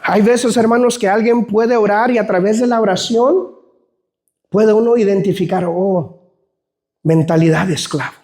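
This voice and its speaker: A man's voice: sits high, moderate pace, darkish tone. A man preaching a sermon fervently, often calling out to the congregation as brothers.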